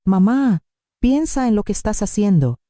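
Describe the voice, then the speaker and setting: Woman reading a calculating grown son, dark voice, dry close sound. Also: mid-range voice, lively intonation, normal speed, no echo, close to an everyday voice. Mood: cold, manipulative. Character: manipulative grown son, a man cornered.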